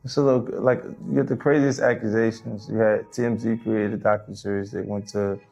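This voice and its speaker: A man's voice: fairly low pitch, level tone, fairly quick, gravelly, a little mellow, muffled recording. Insistent man in a casual interview. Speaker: interview guest.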